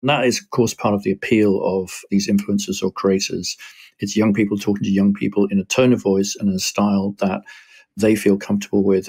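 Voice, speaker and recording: A man speaking as a media researcher guest, explaining trends in a measured, analytical way with frequent asides. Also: lowish voice, a little mellow, breathy edge. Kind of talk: explanatory interview answers.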